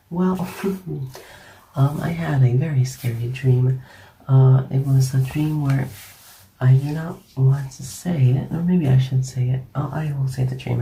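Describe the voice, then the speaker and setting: A sick man with a raspy voice, chatting casually and rambling in a half whisper as an ASMR creator. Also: mid-range voice, dark tone, reverberant, far from the mic, a little hiss or hum. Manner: rambling, giggly, self-deprecating.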